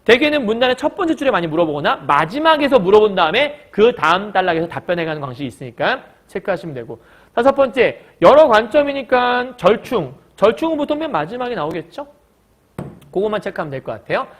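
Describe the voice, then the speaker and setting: Man, teacher, recorded lecture, high voice, very animated pitch, asks the class questions and answers them. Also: fast. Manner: lively, explains by asking the class and answering; acts out short quoted lines in a raised voice. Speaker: Korean language teacher.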